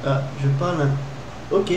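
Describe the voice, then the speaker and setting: A man's voice: on the high side, unhurried, dull audio. A man from Reunion Island streaming late at night, joking, swearing and laughing a lot in casual chat. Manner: jokey, swears, laughs often. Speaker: Twitch streamer. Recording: echoey room with loud background noise.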